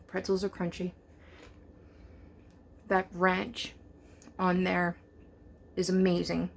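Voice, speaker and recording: A woman's voice: on the low side, monotone, slow, gravelly, a little hiss or hum. A young woman hosting a home cooking vlog, chatty and enthusiastic as she taste-tests her baking. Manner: chatty and enthusiastic, talks while chewing. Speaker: food vlogger. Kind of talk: casual cooking demo and taste test.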